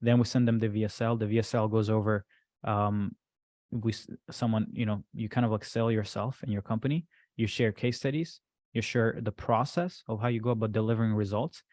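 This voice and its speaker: A man's voice: fairly low pitch, fairly even intonation, a little fast, darkish tone, no echo, clean studio sound. A man coaching a group in a casual workshop talk. He speaks loosely, with many fillers and frequent "right?" checks. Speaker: business coach presenting to a group. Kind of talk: casual workshop presentation with screen share.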